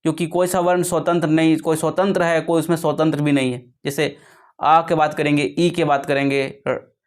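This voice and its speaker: A man's voice: fairly high pitch, level tone. A man with a slightly raised voice teaches a lesson. He goes over each point again and again, stops to correct himself, and asks questions he then answers. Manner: explains slowly with many repetitions and self-corrections.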